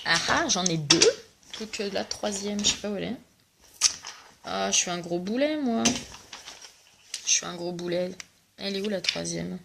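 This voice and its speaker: A woman's voice: mid-range voice, moderate pace, gravelly, pauses often, heavy background noise. A young woman with a cough, chatting casually and joking at her own expense while doing a makeup tutorial. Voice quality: joking, self-mocking, chatty. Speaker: makeup vlogger selling cosmetics.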